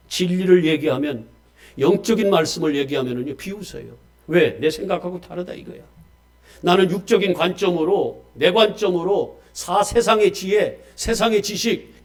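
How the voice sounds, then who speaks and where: A male pastor preaching a Sunday sermon, swinging between loud emphasis and quiet asides and calling on the congregation for amens. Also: high-pitched. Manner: asks the congregation questions and calls for amens.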